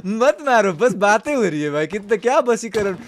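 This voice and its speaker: A young man hosting a gaming video, chatting excitedly and teasing his friend during a role-play. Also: high-pitched, fairly quick. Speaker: gaming channel host. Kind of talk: casual gameplay role-play chat. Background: game background music.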